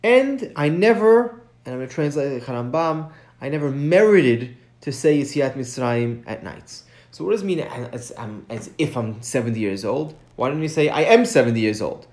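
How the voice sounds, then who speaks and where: A man's voice: medium pitch, lively intonation, a little mellow. A man teaching a recorded study lesson, explaining a text step by step, often checking in with "right?" and stressing key points with his voice rising. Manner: chants source text quickly. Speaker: Mishnah teacher.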